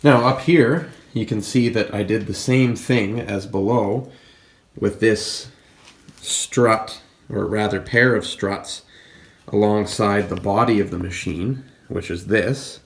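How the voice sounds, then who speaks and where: A fitness channel host gives a casual, plain walkthrough of his home gym equipment, pointing things out as he explains them. His voice is on the low side and congested from a cold, with fairly even intonation and a slow pace.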